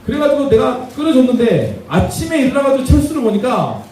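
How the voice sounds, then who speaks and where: Indignant fed-up mom ranting, man doing the voice, lively high voice, echoey room far off. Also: fast talker, slight background noise. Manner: indignant, venting. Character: exasperated mother complaining about her husband.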